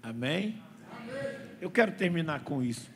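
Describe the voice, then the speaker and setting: Pastor preaching, high voice, long echo, some faint background noise. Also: male voice, normal speed. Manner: animated storytelling with call-and-response. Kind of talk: sermon. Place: church. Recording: echoey hall with faint noise.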